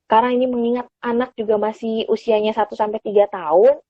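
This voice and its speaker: Woman psychologist guest, patient explainer, husky tone, dull phone-stream sound. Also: fairly high pitch, fairly even intonation, fast talker, dry recording. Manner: patient and explanatory, often calls the host by name; casual conversational speech with fillers. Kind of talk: explaining parenting tips in a live chat. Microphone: phone on an Instagram live stream.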